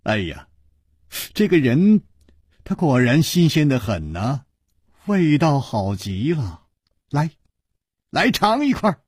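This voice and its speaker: A man playing an easygoing, clever hero in a storytelling broadcast who speaks with amused calm. The voice is husky and dry, with an animated pitch. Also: slow, pauses often, no echo, exaggerated voice. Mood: teasing.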